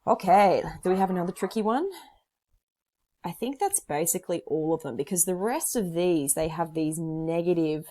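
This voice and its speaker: A woman with a low voice teaches a maths lesson, talking through each step of her working. Her tone is casual and a little hoarse. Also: animated, moderate pace, dark tone. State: slightly hoarse. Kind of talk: recorded whiteboard lesson.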